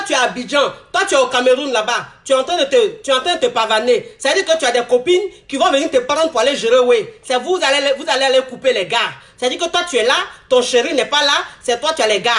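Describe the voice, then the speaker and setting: Brief: Ivorian man, high and congested with a cold, chatty slang-heavy advice vlogger. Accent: Ivorian French. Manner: animated, repetitive, chatty street slang. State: congested with a cold, throat-clearing. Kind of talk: casual advice monologue to viewers.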